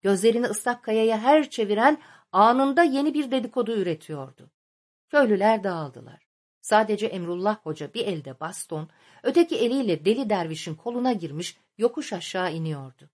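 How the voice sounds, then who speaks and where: A woman's voice: mid-range voice, expressive. Woman narrating a novel audiobook. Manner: measured, literary storytelling.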